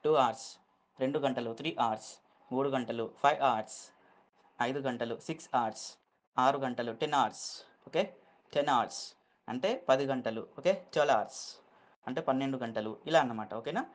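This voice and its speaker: A man's voice: medium pitch, fairly quick, pauses often. A man teaching English vocabulary, spelling words letter by letter and checking in with the learner often.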